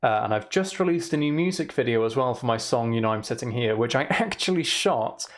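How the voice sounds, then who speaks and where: A man's voice: mid-range voice, animated, a little fast. A young man streaming, chatting casually and rambling, recorded on a desk microphone in an emptied room that echoes. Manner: chatty, rambling, self-deprecating. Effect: echoey sound of an emptied room. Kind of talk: casual livestream chat. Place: emptied room in a house, indoors. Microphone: desk microphone on a shelf.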